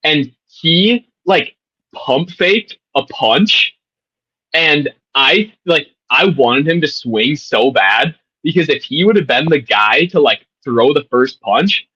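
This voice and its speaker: A young man, a former college tennis player, telling a story in a casual, animated way with lots of fillers and restarts. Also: mid-range voice, slow pace, slightly rough, no room sound, lo-fi sound.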